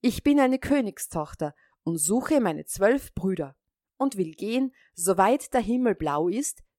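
A woman voicing a gentle, devoted young princess in a fairy tale, speaking softly and earnestly. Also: medium pitch, expressive, measured pace, dry recording, studio quality, close to an everyday voice.

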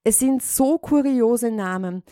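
A woman's voice: a little high, slow, warm tone, no echo, studio quality, voice pushed up. A woman doing a fretful little storybook mouse. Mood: puzzled. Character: good-natured trusting little female mouse. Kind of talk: storybook reading.

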